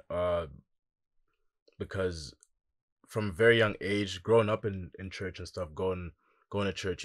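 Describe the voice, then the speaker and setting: A young man from Congo, a musician guest in a casual interview, talking in a relaxed, reflective way with lots of "like" and "um". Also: low-pitched, dry recording, clean studio sound.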